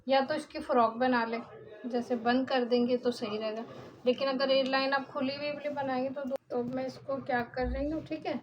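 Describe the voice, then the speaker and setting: A woman's voice: sits high, level tone, normal speed, a little hiss or hum. A middle-aged woman explaining a sewing cut step by step in a casual tutorial, often checking in with her listener. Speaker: sewing instructor. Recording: dull lo-fi sound.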